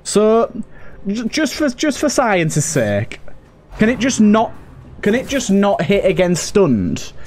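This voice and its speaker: Over background game music, a man with a slightly high, darkish voice hosts a let's play. He gives casual live commentary, thinking aloud and chatting to the characters as he plays.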